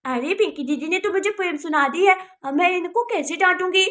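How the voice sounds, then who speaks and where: A woman's voice: extremely high pitch, lively intonation, a little fast, fairly bright tone. Woman voicing bossy schoolgirl playing teacher. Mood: teasing. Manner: teasing, bossy.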